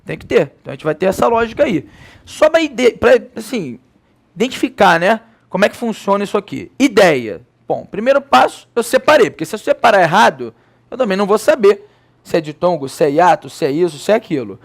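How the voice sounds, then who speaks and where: A Brazilian man teaching a Portuguese grammar lesson, lively, asking rhetorical questions and answering them himself. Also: high-pitched, brisk, vocal fry. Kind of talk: recorded classroom lecture.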